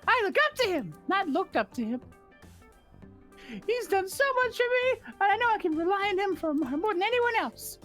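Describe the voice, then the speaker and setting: An earnest young anime songstress, speaks in a very high voice with overacted devotion. It is a fan dub style delivery, with music playing behind it. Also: female voice, big pitch swings, moderate pace, a bit bright, heavily acted. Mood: earnest, admiring.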